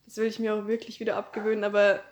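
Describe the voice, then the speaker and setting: Young Bavarian woman, podcast co-host, quick and chatty, even middle pitch. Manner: fast-talking, laughs often. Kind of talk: casual chat.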